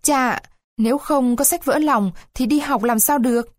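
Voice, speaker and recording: A woman's voice: sits high, unhurried, no room sound, studio quality, pitched above the performer's own voice. A woman voicing a cheeky little wooden boy who talks in an earnest, childlike way.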